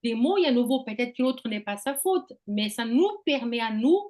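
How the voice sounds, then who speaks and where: A woman's voice: fairly high pitch, animated, moderate pace, a little mellow. A woman hosting a group talk, explaining ideas through personal examples and checking in with "okay?". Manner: explains with examples, asks "d'accord?". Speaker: workshop host. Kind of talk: conversational teaching.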